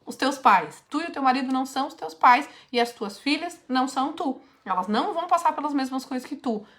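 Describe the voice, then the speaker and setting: A woman's voice: high-pitched, lively intonation, a little fast, a bit bright. Direct woman mentoring. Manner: direct, coaching, reads participants' questions aloud and answers. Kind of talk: live online mentoring session.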